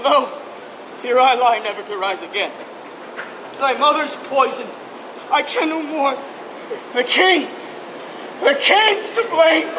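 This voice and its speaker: A man's voice: very high voice, expressive, slow, pauses often, full character voice. A man playing a remorseful dying young swordsman in outdoor Shakespeare, declaiming in broken phrases. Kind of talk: outdoor Shakespeare stage acting. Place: open-air plaza stage at night. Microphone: far camera. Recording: noisy outdoor stage, distant camera, audience ambience.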